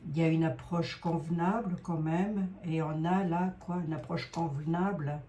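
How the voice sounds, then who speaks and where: A woman's voice: low-pitched, fairly even intonation, normal speed, warm tone, slight background noise. A middle-aged woman with a Lorraine accent, doing a card reading in a hesitant, rambling way, with many fillers. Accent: Lorraine French. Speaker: psychic card reader.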